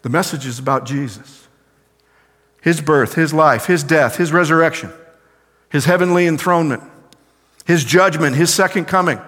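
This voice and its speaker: A male preacher delivers a sermon, his voice bright and forceful and pitched a little high. He poses questions and answers them himself, and the sound rings with the long reverb of a large church hall. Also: normal speed, pauses often.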